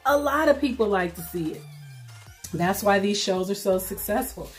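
A middle-aged woman giving casual, plainspoken vlog commentary while eating, pausing for bites and repeating phrases for emphasis. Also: medium pitch, lively intonation, faint music behind. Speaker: vlogger. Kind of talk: casual mukbang commentary chat.

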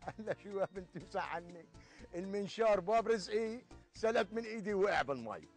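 A man's voice: high voice, lively intonation, fast talker, faint music behind. An actor in his sixties playing an older Syrian village man, telling an Arabic folk tale with a moral in colloquial storyteller phrasing. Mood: storytelling. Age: 60s. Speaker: actor in a TV sketch. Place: outdoors in a leafy garden.

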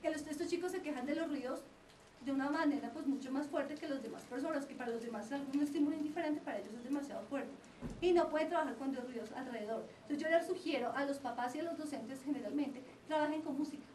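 High, fast-talking woman giving a lecture. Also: darkish tone, a little hiss or hum. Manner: explanatory, often checks in with the audience. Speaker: lecturer on child development. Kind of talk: lecture to parents and teachers. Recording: roomy lecture recording from a distance.

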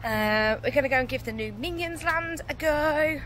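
A woman's voice: sits high, moderate pace, a bit bright, slight background noise. A woman filming a casual family vlog, chatting upbeat about breakfast with her kids in a large diner. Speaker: family vlogger and mother.

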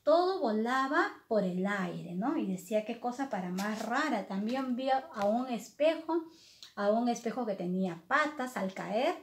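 Woman storyteller for kids, middle-aged, high voice, animated, echoey room. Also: unhurried. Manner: animated, addresses children by name. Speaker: storyteller for young children. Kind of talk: storytelling to children.

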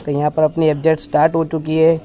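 A man's voice: fairly high pitch, completely flat delivery, fast, muffled recording. A young man narrating a casual motorbike vlog, chatting to his viewers as he rides along outdoor roads. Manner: chatty, addresses viewers as guys. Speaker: vlogger. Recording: loud road and traffic noise.

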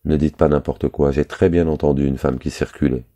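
A man's voice: a bass voice, steady tone, fairly quick, warm tone. A man reading a jealous, capricious young woman.

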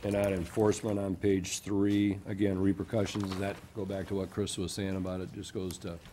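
A man on a city council questions staff in a very deep, dark voice. He asks informally and a little haltingly, with filler words. A faint hiss of meeting-room noise lies under his voice. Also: little pitch movement. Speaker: council member asking questions. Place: council chamber, indoors.

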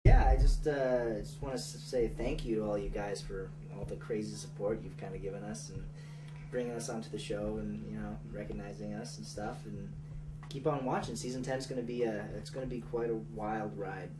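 A young man, an actor, chatting casually in an interview, halting and repeating words in a laid-back way. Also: on the low side, steady tone. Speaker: actor on a teen drama. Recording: distant mic with clear background hum.

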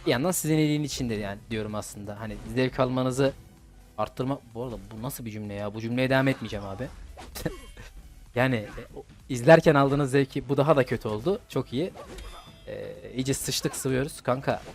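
A man's voice: mid-range voice, fast. A young man giving casual, slangy gameplay commentary and swearing at his opponents. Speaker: gaming YouTuber. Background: game music.

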